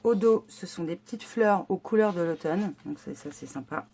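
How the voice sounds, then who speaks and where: A woman's voice: on the low side, expressive, moderate pace, mellow, a little hiss or hum. A woman chatting casually as she unboxes a monthly scrapbooking box, enthusiastic and hesitant, with many fillers and restarts. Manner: enthusiastic about the items. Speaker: scrapbooking vlogger.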